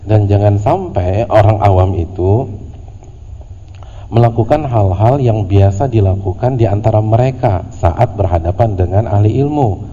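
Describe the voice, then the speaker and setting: Low mellow guy giving a casual religious lecture, lo-fi echoey hall, bit of hiss. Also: measured pace. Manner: relaxed, humorous, conversational with slang asides. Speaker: Islamic religious teacher. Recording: lo-fi audio in a reverberant hall with faint noise.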